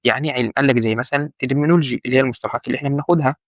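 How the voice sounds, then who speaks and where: A man's voice: medium pitch, very fast, no room sound. A man with an Egyptian Arabic accent teaching an informal lesson, repeating key points and asking the listener questions. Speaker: medical terminology instructor.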